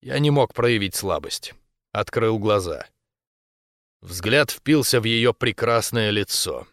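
Man reading a romance audiobook in first person, low voice, steady and intimate, dry close sound. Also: takes it slowly, dry recording. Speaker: audiobook narrator.

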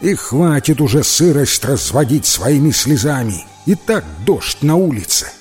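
Man doing a bossy, proud puppy in a storybook, lively, slightly raised voice. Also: a little high, measured pace, faint music behind, pitched above the performer's own voice. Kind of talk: audiobook character voice.

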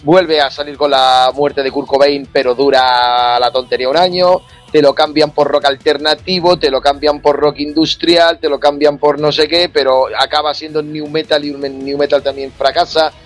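A man's voice: on the high side, fairly even intonation, normal speed, hardly any pauses, soft background music. Frank Spanish man in his forties. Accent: Spain. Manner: colloquial, frank, jokey. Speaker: guest singer. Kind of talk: casual music chat.

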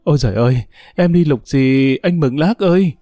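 A man voicing a young woman prostitute who wails in a shrill, high voice. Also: animated, fairly quick, darkish tone, no echo, clean studio sound, close to an everyday voice. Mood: wailing.

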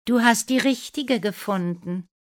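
A woman's voice: on the high side, a little slow, voice pushed up, close to an everyday voice. A woman doing a whiny young stepsister.

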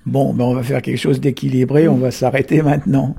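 A man, unhurried and full of tag words, explaining the origins of words. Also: mid-range voice, flat delivery, creaky, mellow, slightly rough. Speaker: Breton language explainer. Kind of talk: explanatory talk on word origins.

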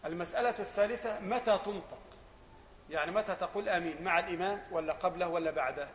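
Egyptian sheikh lecturing in an echoey hall. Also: male voice, high voice, quick pace, slight background noise. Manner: explains by asking questions and answering them himself, then repeats the answer; rises to loud emphatic passages. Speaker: sheikh teaching Islamic jurisprudence. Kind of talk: religious lesson.

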